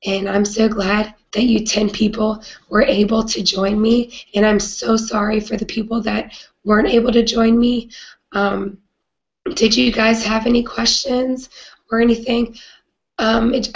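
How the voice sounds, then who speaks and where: A woman with a raspy, hoarse voice from a cold, hosting a live video chat in an earnest way with many "um" fillers. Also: a little high, muffled recording. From not British. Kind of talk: casual live-stream talk.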